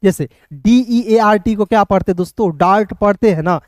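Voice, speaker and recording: This man's voice is high and somewhat dark, delivered at a normal speed in a clean studio with no room sound. Teaching English as if in a classroom, he walks viewers through each step, poses questions, and keeps addressing them as friends.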